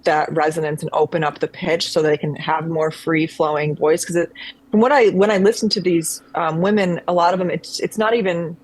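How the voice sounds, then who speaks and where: On a video call, a conservatory-trained actress chats reflectively as a guest, her thoughts meandering and often restarting. Her low voice stays fairly even and moves briskly. The recording is rough.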